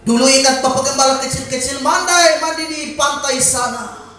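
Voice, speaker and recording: High-voiced pastor preaching in an echoey church. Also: male voice, moderate pace. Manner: preaching with sudden shouted calls and exclamations. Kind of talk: sermon. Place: church during a Wednesday evening service.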